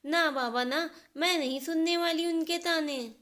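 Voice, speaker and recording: Woman voicing a young cartoon daughter-in-law, dutiful, polite, anxious, high voice. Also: a little slow, fairly bright tone.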